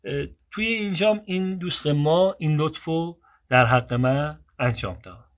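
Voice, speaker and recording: A man telling a long personal story in a casual, digressive way, often cutting himself off and moving on. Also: a little high.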